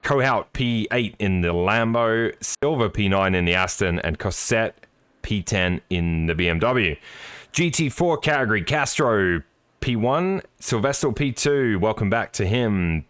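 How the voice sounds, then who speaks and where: Low-voiced male sim racing commentator. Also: animated, measured pace, fairly bright tone, dry recording. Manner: chatty, jokey, apologetic asides. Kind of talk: live race commentary.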